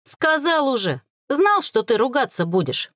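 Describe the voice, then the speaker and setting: Audiobook: eager chatty teen boy, raised and lively voice, woman narrator doing him, dry close read. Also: high voice, unhurried, no room sound, voice pushed up, exaggerated voice.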